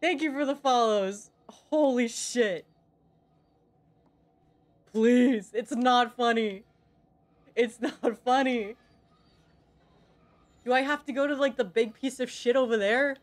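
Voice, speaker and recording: A woman's voice: fairly high pitch, measured pace, long pauses. A young woman streaming a game, swearing often and bantering in exasperation with her chat. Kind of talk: casual gameplay streaming.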